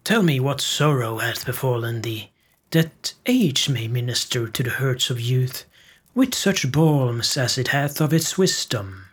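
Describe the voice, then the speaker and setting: A man voicing a frail old holy hermit who speaks gentle, solemn counsel in old-fashioned speech. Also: mid-range voice, lively intonation, unhurried, breathy edge, pitched above the performer's own voice. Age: older.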